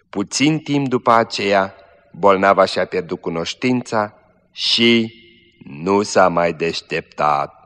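A man's voice: low-pitched, a bit bright. Man reading a sermon story in an echoey hall. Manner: measured storytelling, earnest appeal. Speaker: preacher. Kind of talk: sermon with read-aloud story.

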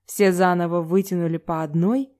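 A woman reading a novel aloud in an even, measured storytelling manner. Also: fairly low pitch. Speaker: audiobook narrator.

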